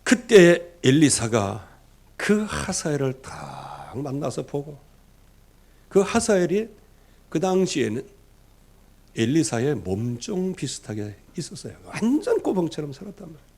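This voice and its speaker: Male pastor, sermon, high gravelly voice, big pitch swings, dramatic storyteller who acts out his quotes. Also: huge pitch swings, a little slow. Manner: emphatic, drops to soft low asides.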